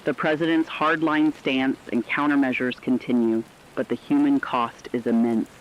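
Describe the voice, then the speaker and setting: In the role of a radio war correspondent, a man reads a scripted dramatic news report gravely and formally, with emphasis and resolve. His voice is medium-pitched and near everyday, flat in delivery, at a normal speed. The recording has a dull lo-fi radio quality, faint rain, and slight background noise.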